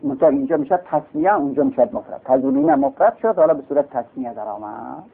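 A man's voice: on the high side, sing-song, gravelly, breathy edge. A male teacher giving a classroom lecture, explaining step by step and asking and answering his own questions. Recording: tinny lo-fi recording.

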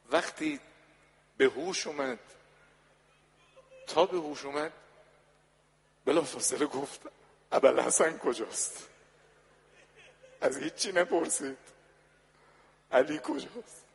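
A man giving a mourning sermon, telling a sorrowful story softly and then swelling into loud lamenting cries. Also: on the high side, creaky. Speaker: religious eulogist. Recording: long reverb of a hall.

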